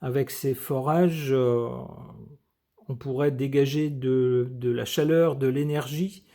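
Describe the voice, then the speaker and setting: A man, a tarot reader who reads out a news article and comments on it, pausing often with filler sounds and ironic asides. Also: mid-range voice, fairly even intonation, dark tone. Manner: hesitant, many filler sounds.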